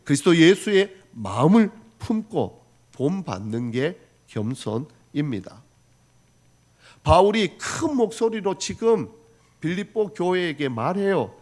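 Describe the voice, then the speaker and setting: A male pastor from the region preaching a sermon, earnest and storytelling, moving from loud exhortation to soft asides. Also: fairly high pitch, sing-song, takes it slowly. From Gyeongsang region, Korea. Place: church sanctuary.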